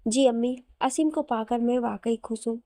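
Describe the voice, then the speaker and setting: A woman voicing a hurt but loving young wife who speaks softly and emotionally. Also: on the high side, moderate pace, no room sound, studio quality, close to an everyday voice. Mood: tender. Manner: soft, pleading, emotional.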